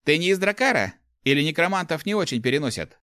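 A man's voice: fairly high pitch, very animated, fast, fairly bright tone, no echo, clean studio sound, pitched above the performer's own voice. A man voicing a brash, chatty young male thief in a storybook reading. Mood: cheerful. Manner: bold, chatty, playful.

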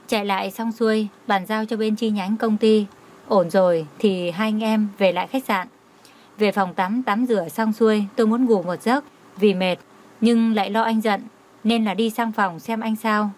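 A woman narrating a first-person romance story in a steady, even storytelling manner. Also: medium pitch.

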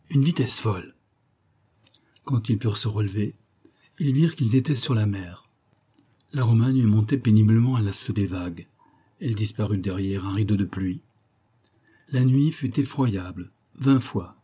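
A man narrating a novel as an audiobook, in a measured literary storytelling manner. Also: lowish voice, warm tone, slightly rough.

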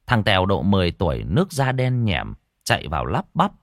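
A man's voice: low-pitched, very animated, brisk, no echo, clean studio sound. A man narrating a ghost story in a dramatic storytelling manner.

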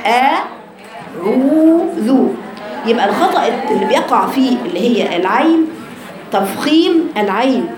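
A woman with an Egyptian accent teaching Quran recitation to a class of women, correcting mistakes and drilling sounds with repeated drawn-out syllables. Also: fairly high pitch, darkish tone. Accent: Egyptian Arabic. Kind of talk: tajweed lesson to a class. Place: room with a group of women students. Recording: echoey room with crowd chatter.

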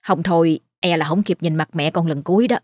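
A woman's voice: on the low side, fairly quick, darkish tone, no echo, clean studio sound, lightly acted. A woman voicing an older village woman, a worried, chattering neighbor. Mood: urgent.

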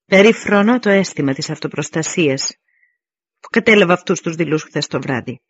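Dienekes, a stern Spartan veteran, read by a husky man. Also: fairly high pitch, expressive, dry recording, lo-fi sound. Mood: commanding. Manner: commanding, forceful speeches.

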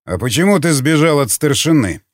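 A man's voice: a little high, big pitch swings, fairly quick, dry recording, studio quality. A man voicing a sly one-eyed male interrogator who mocks and barks his questions. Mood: interrogating. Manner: mocking, barking.

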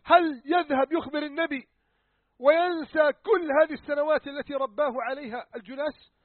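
High-voiced fast-talking male preacher, tinny sound. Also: steady tone, no echo. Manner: emphatic, swings between loud urgency and hushed tones. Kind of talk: dramatic sermon storytelling. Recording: tinny phone-like dry recording.

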